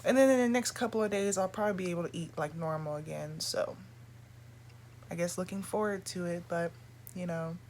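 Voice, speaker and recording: Rambling woman vlogger, lowish voice, noisy background. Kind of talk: casual chat to camera. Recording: clear background noise.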